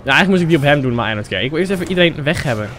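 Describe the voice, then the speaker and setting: Excitable young Dutch gamer, high lively voice. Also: male voice, rapid-fire. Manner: excitable, swears, shouts at the game. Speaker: gaming YouTuber. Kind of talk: casual let's-play commentary. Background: game music.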